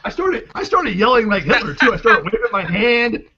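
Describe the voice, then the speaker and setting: A man on a podcast, chatting casually in an excitable, profane way and repeating himself when worked up. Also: high voice, fairly quick. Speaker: podcast co-host. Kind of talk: casual chat. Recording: dull lo-fi call audio with faint hiss.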